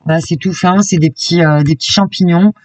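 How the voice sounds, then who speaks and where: A woman's voice: lowish voice, fairly even intonation, fairly quick, a little mellow, dry recording, distant mic. Woman, casual haul vlog, enthusiastic chatter, dry room sound. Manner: chatty and enthusiastic, peppered with "hein". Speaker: craft YouTuber.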